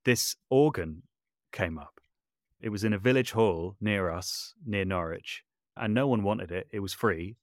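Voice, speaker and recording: In clean studio sound with no echo, a composer and voice artist speaks a little slowly in a lowish voice as a podcast guest. His casual talk is self-deprecating and hesitant, full of restarted sentences.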